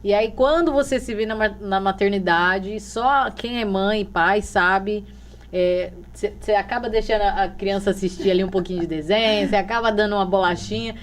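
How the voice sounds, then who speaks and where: A woman's voice: medium pitch, moderate pace. A woman interviewer who is herself a mother, building up to a question in casual chat.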